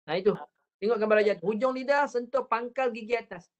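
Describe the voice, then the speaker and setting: With a very high-pitched voice and a Malaysian Malay accent, a man teaches an online Quran recitation class. He patiently repeats drills and stretches words out slowly to demonstrate them.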